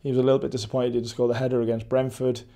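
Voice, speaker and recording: A Welsh football coach in his forties fields post-match questions against an indoor stadium press backdrop, close to the mic. His mellow, dark, medium-pitched voice is flat and level, and he talks very fast, thinking aloud with frequent restarts and fillers.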